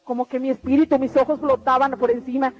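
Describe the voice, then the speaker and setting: A woman's voice: sits high, level tone, quick pace, darkish tone. A middle-aged woman tells her religious testimony in an earnest, repetitive storytelling way. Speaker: testimony speaker. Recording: dull lo-fi radio recording with faint music.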